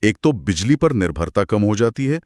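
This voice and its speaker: A man's voice: fairly low pitch, big pitch swings, normal speed, darkish tone, no echo, clean studio sound. A man co-hosting a scripted explainer chat, explaining details patiently. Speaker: co-host.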